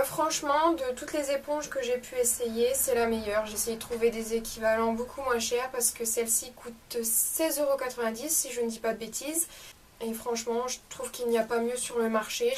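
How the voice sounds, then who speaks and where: Young woman vlogger, bright higher voice, chatty product review, mic a bit distant with faint hiss. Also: steady tone, moderate pace. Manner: chatty, enthusiastic, many fillers. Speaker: beauty vlogger. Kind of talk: casual product review vlog. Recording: slightly distant mic with faint room noise.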